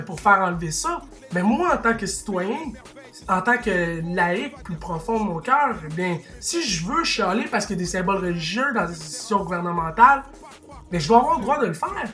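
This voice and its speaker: A Quebec man with a Québécois French accent rants heatedly at his viewers in a high, bright, forceful voice. This vlogger is impassioned and argumentative, constantly restarting sentences and tossing in asides.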